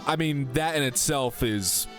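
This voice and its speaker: A man's voice: medium pitch, a little slow, faint music behind. A man doing comedic read-aloud commentary as a host, theatrical, with sweary asides. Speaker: YouTube host reading social media posts aloud.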